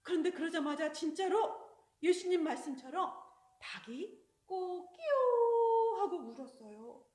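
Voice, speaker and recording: A woman telling a children's sermon story in an animated way, addressing the children directly. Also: very high-pitched, unhurried. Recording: roomy echo.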